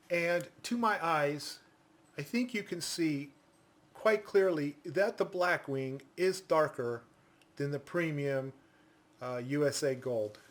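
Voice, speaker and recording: A man giving a casual product review in a deliberate, explanatory manner. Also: fairly high pitch.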